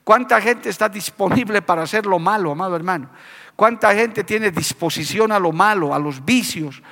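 Male pastor, high bright voice, fervent sermon delivery, long church-hall reverb. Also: normal speed, gravelly. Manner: fervent preaching with repeated "amado hermano". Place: church hall, broadcast on radio and TV.

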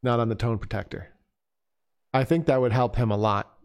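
A man's voice: mid-range voice, normal speed, darkish tone, clear, resonant tone. A man giving a casual spoken critique of a bagpipe performance as an instructor. He is conversational and digressive, thinking aloud as he goes.

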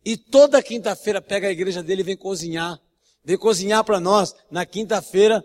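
A man's voice: high voice, a little fast, a little mellow. A man with a Brazilian Portuguese accent, a pastor preaching a sermon full of blunt, emphatic stories and repeated phrases. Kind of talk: sermon with anecdotes. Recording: long church-hall reverb.

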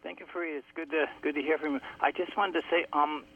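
A man speaking as a guest author in a phone-in radio interview, heard through a crackly phone line that fades in and out, telling his story slowly and reflectively. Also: on the high side, fairly even intonation, slightly rough, no echo. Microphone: telephone. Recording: tinny telephone line.

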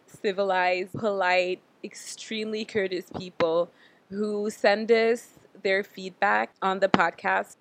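A woman co-hosting a podcast over an internet call in casual chat, informal and slangy, leaning hard on her words for emphasis. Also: medium pitch. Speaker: podcast co-host. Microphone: internet video or voice call.

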